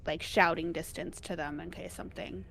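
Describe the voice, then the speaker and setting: A woman's voice: on the low side, steady tone, normal speed, gravelly, pushed and bright, slight background noise. A woman playing a tabletop game, talking casually about what her character does. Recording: music playing behind.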